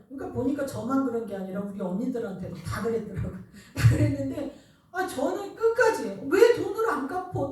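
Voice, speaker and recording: Woman pastor, lively storytelling sermon with big pitch swings; distant, reverberant sanctuary sound. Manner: conversational, tells personal stories with laughter. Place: church sanctuary. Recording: very echoey hall, voice from a distance.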